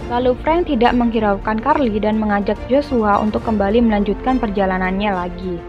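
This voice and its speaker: A woman reading a scripted film plot recap in an even storytelling manner. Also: medium pitch, fairly quick. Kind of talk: scripted narration. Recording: dull lo-fi voice-over with music.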